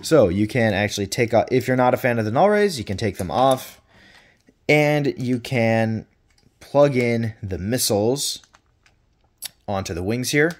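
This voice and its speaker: A rambling, chatty man talks through a toy review at an ordinary pitch, tossing in a casual curse now and then. His voice rings with an echoey room reverb that hangs on every phrase. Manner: chatty, rambling, with playful swearing.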